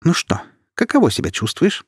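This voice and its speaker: A man voicing a cold, mocking young woman in a husky voice, speaking with scorn. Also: medium pitch, big pitch swings, normal speed, darkish tone, no room sound, studio quality, pitched above the performer's own voice. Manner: scornful, biting.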